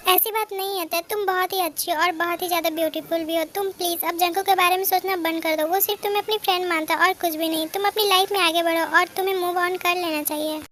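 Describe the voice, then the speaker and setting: A woman voicing a caring older-sister figure who soothes and advises gently in a fan audio drama. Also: very high voice, steady tone, quick pace, hardly any pauses, slight background noise. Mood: soothing. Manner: soothing, coaxing.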